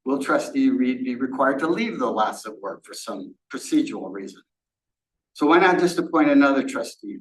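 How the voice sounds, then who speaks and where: Man posing pointed questions, roomy and distant. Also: mid-range voice. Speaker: public commenter. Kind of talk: public comment at a township board meeting. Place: township meeting room. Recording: echoey room from a distant mic.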